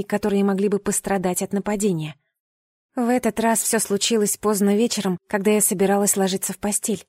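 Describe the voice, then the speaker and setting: A woman reading a first-person fantasy audiobook with expressive, dramatic storytelling. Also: mid-range voice, no echo, studio quality. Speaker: audiobook reader.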